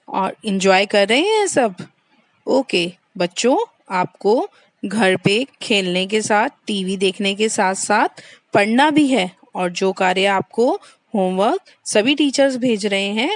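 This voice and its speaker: A young woman with an Indian accent teaching kindergarten children online, drawing out each sound slowly in a sing-song way. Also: mid-range voice, no room sound. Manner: slow, drawn-out sing-song drilling of sounds.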